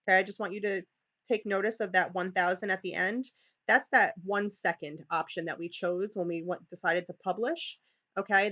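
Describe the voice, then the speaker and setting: In this muffled recording, a New York woman leads teachers through a live screen-share tutorial. She's chatty, restarts often, and says "okay" a lot, in a lowish voice with a fairly bright tone.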